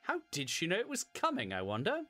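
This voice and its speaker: A wry exasperated sidekick, very animated pitch, faint music under, comedy audio drama. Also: female voice, fairly quick, heavily acted. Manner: wry, patient, dry. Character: sensible, exasperated sidekick Watson.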